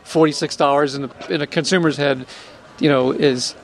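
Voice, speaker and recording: An American man in his fifties talks casually as an interviewee. His voice is fairly high and creaky, and he sounds slightly harried. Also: steady tone, moderate pace, soft background music. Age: 50s. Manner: a bit harried. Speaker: shop owner interviewee.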